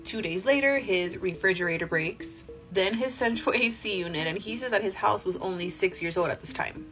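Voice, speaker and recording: A woman host telling spooky stories in a casual, animated, conversational way, drawing out words for suspense. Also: mid-range voice, a little fast, poor audio. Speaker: host reading follower-submitted spooky stories. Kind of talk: casual spooky storytelling to camera. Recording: music behind the voice. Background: music.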